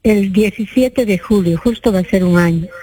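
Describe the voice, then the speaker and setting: A woman's voice: medium pitch, normal speed, warm tone, slight background noise, poor audio. A woman calling in to a radio show to ask a question, speaking hesitantly with frequent fillers. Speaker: caller. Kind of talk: phoning in a question.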